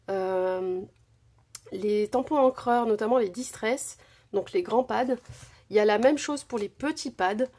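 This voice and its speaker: A woman's voice: a little high, a little mellow. A woman, casually showing her craft purchases in a haul vlog, chatty, with many fillers and self-corrections. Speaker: crafting channel host. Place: home craft desk.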